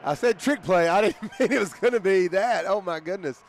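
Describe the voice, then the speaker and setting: A man doing color commentary on a high school football game, chatty and quick to laugh. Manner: chatty, laughs often, exclaims.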